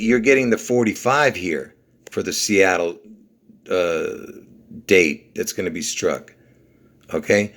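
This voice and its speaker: A man's voice: sits low, a bit bright. A man from Lebanon hosting a video, walking viewers through numbers in a rambling, insistent way, often checking "okay?" and "you see?". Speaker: video host. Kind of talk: conspiracy numerology video walkthrough.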